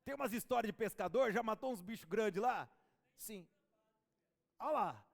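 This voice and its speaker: Animated preacher in a reverberant church. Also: male voice, high voice, moderate pace, creaky. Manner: storytelling, animated, chatting with the congregation. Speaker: pastor. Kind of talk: sermon.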